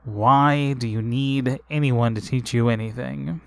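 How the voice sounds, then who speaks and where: A bitter, secretive goblin mage , voiced by a man, who speaks in a grim, lecturing way. He talks slowly, and the sound is dry and close. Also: medium pitch, fairly even intonation, vocal fry, clean tone, no room sound. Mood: puzzled.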